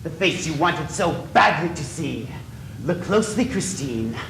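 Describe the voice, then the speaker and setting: A tormented, masked man with a ruined face, obsessive and possessive in love, as an actor plays him on stage. His voice sits a little high and swings from hushed pleading to furious shouts. The sound rings around an echoey stage. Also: expressive, measured pace, vocal fry, full character voice. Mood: anguished, raging. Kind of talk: stage play performance. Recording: echoey stage from a distance, faint noise.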